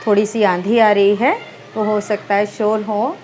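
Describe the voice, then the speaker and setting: A woman's voice: mid-range voice, steady tone, a little slow, a little mellow, a little hiss or hum. A woman teaching Hindi grammar for exam prep, explaining step by step and asking and answering her own questions.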